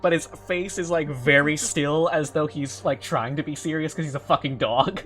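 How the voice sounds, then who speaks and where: A man's voice: on the high side, steady tone, moderate pace, a bit bright, faint music behind. A man running a tabletop game as game master, narrating off the cuff in an informal, sweary way.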